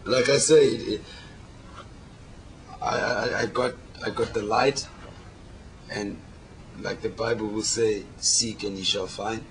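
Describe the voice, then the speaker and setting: Deep-voiced man in Rasta speech. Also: fairly even intonation, slow pace, long pauses. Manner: devout Rasta speech with reverent religious phrases; emphatic, repeats words as he preaches. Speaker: Rastafarian interviewee. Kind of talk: explanatory religious interview talk. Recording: clearly noisy location recording.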